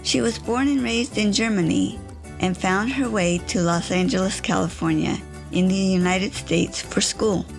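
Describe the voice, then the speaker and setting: A woman hosting a podcast, who reads a polished introduction and then asks questions with real enthusiasm. Her voice sits at a middle pitch. Faint music plays softly behind her. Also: normal speed, vocal fry. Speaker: podcast host.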